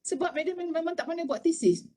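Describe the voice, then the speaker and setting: Lively Malaysian woman lecturing. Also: extremely high pitch, fairly quick. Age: middle-aged. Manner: expressive, mixes Malay and English, frequent rhetorical questions. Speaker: lecturer giving a university talk. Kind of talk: animated motivational lecture.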